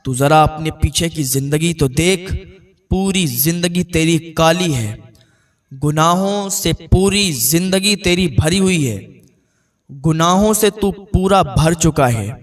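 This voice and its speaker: A man voicing a stern, unseen voice that warns a sinner in a dream, speaking slowly and admonishingly. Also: on the high side, recorded from a distance, faint music behind, lightly acted. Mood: stern warning. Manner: slow, drawn-out, admonishing.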